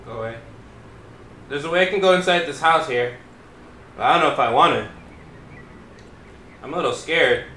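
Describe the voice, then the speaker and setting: Loud, swearing young streamer, high voice. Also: male voice, moderate pace, long pauses. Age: young adult. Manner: loud, profane, shouts at the game. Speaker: game streamer. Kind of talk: live gameplay commentary. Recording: echoey room, faint hiss.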